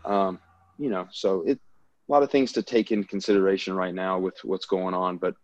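A man's voice: low voice, fairly even intonation, moderate pace, no echo, dull audio. A man from Louisiana, an airline pilot talking in an easygoing, upbeat interview chat. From Louisiana, US South.

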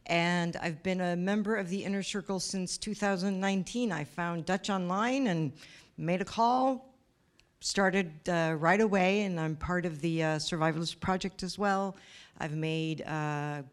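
A woman's voice: lowish voice, measured pace. A woman in education introducing herself and her husband to an investor group, matter-of-fact. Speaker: educator and investor club member.

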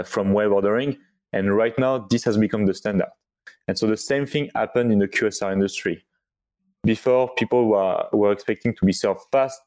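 A man answering interview questions as an expert guest, explaining step by step with halting, non-native phrasing. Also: fairly low pitch, darkish tone. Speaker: podcast guest, company product executive.

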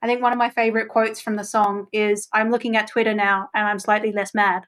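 A woman's voice: mid-range voice, flat delivery, fairly quick, a bit bright. A woman speaking as a podcast guest, talking openly and thoughtfully with frequent ums. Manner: open, reflective, with frequent ums. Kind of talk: casual interview chat.

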